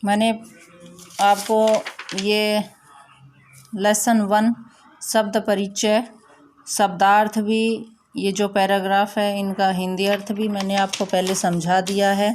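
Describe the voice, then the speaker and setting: A woman teacher explaining a school lesson slowly and patiently, repeating her instructions. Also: medium pitch, level tone, a little mellow, slight background noise. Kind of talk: recorded classroom lesson.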